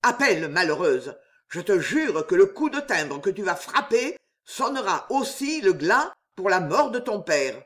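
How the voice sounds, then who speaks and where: A woman voicing a small, scheming nobleman in a storybook reading, mocking and menacing, with a low growl. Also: big pitch swings, unhurried, hardly any pauses. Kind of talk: audiobook character reading.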